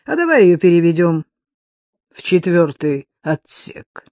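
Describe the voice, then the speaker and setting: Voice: medium pitch, very animated, a little slow, darkish tone, no room sound. A reader voicing a burly male crook who grumbles and snaps irritably. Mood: gruff irritation.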